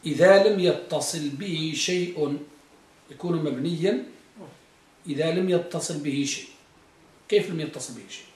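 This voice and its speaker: High-voiced male teacher in an echoey classroom. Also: darkish tone. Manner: dictates slowly, repeats phrases and quizzes students. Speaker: Arabic grammar teacher. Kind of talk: classroom lesson. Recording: echoey room from far off.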